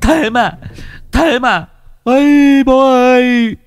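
Crying young dude, whiny squeaky falsetto, sobbing, dead dry sound. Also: male voice, slow, dry recording, full character voice. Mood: wailing. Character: young man Chí, panicked and wailing.

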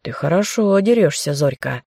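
A woman's voice: low-pitched, lively intonation, normal speed, creaky, warm tone, no echo, clean studio sound, exaggerated voice. A woman voicing a smug, scheming young man who coaxes and taunts the girl he captured. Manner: smirking, coaxing.

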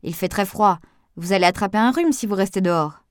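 A woman voicing a lively young woman friend who talks in a brisk, teasing way. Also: medium pitch, smooth, no echo, clean studio sound, lightly acted.

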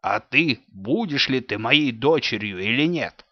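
A man's voice: mid-range voice, animated, measured pace, no echo. A man voicing a stern, menacing robber chieftain father in a dull, dry recording. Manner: menacing, gruff.

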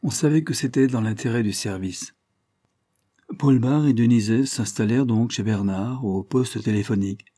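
A man reading a detective story aloud with measured, dramatic narration. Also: medium pitch, mellow, dry recording, clean studio sound.

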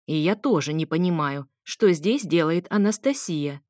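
A woman voicing a haughty, imperious old grandmother in an audiobook, speaking slowly, coldly and commandingly. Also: deep voice, lively intonation, darkish tone, no echo, clean studio sound. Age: older. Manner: slow, cold and commanding.

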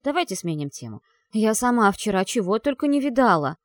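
A woman voicing a flustered young werewolf girl whose voice gurgles with tears and swings high and whiny. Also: very animated, a little fast, no echo, close to an everyday voice. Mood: grumbling. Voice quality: tearful, gurgling voice. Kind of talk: audiobook character voice.

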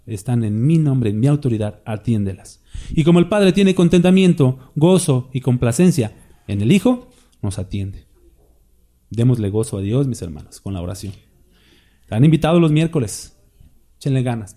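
A man's voice: medium pitch, dark tone. A man preaching a sermon as pastor, asking rhetorical questions and closing with a spoken prayer.

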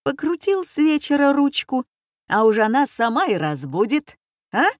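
A woman's voice: high voice, sing-song, moderate pace, no echo, clean studio sound, pitched above the performer's own voice. Lady reading as a blustery retired captain dad, full of himself, gets flustered. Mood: boastful. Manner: pompous, blustering. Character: retired middle-aged captain father, fussy, easily flustered.

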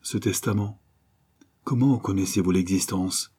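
A man's voice: low voice, normal speed, dark tone, breathy edge. A man reading aloud and voicing a brave, level-headed young engineer in an adventure story. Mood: defiant.

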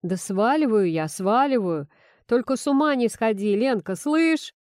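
A woman voicing a nervous, bass-voiced male thug grumbling at the others. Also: animated, a little slow, darkish tone, no echo, studio quality.

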